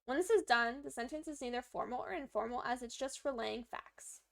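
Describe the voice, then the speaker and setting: A livestreaming language learner with a fairly high, creaky voice reads lesson text aloud at a fairly quick pace. She chats upbeat to herself while writing out examples.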